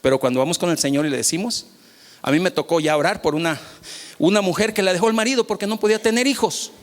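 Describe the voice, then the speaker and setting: A man, preaching a sermon as pastor, swinging from loud calls to soft, low asides. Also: fast, in a large hall.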